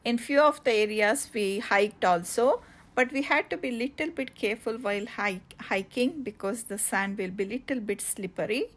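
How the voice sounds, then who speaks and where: A woman narrating a casual travel vlog outdoors on coastal cliffs, halting with many fillers and restarts. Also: on the high side. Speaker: travel vlogger.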